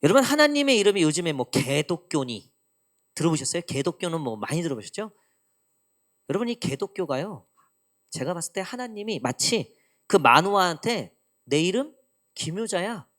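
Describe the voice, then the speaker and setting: A woman pastor preaching a midweek church sermon in an animated way, acting out quoted lines. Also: on the low side, normal speed. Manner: animated preaching, acts out God's teasing lines. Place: church sanctuary.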